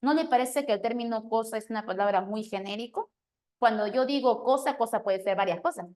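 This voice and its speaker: A woman teacher giving an animated lesson, often checking in with her listeners. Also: on the high side, fairly quick. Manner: animated, questioning, keeps asking "¿sí o no?". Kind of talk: lively classroom lesson.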